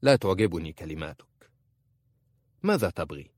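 A man voicing a calm, measured young prince in disguise in an audiobook. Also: low voice, no echo, clean studio sound.

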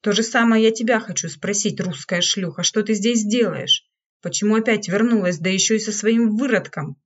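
A woman's voice: medium pitch, steady tone, normal speed, close to an everyday voice. A woman reading an audiobook, voicing a hysterical, jealous woman servant who speaks in a bitter, accusing way. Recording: dull lo-fi recording.

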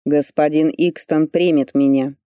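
A reader voicing a stern, commanding male investigator who gives curt, slow, deliberate orders, lower than the narration. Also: steady tone, warm tone, smooth, no echo, clean studio sound, natural voice. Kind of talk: audiobook character voice.

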